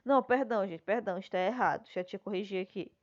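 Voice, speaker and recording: A Brazilian woman teacher in a recorded lesson explains each answer step by step, speaking in a patient, explanatory way and often pausing to check in with her students. Her voice sits at an ordinary middle pitch for a woman. The recording is dull and lo-fi. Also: a little mellow. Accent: Brazilian Portuguese. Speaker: schoolteacher.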